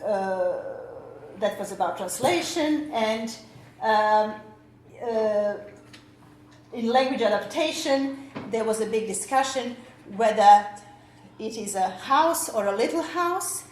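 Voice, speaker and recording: A woman teacher with a fairly high, lively, slightly mellow voice speaks slowly while presenting at a workshop, her talk full of fillers and restarts. It's a conference presentation in a lecture room, recorded with echo and faint background noise.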